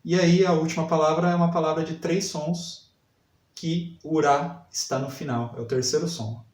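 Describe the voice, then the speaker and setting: A man teaching a literacy lesson, sounding out syllables slowly and repeating each word. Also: a little high, steady tone, darkish tone, distant mic. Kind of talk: slow spelling lesson for adult learners. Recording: echoey room, voice set back from mic.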